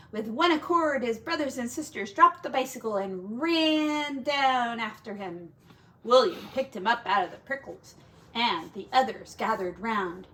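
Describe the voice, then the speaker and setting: A woman who teaches reads a picture book aloud to children with lots of expression, stretching out key words for drama and slipping in casual asides. Her voice sits high, pushed and bright.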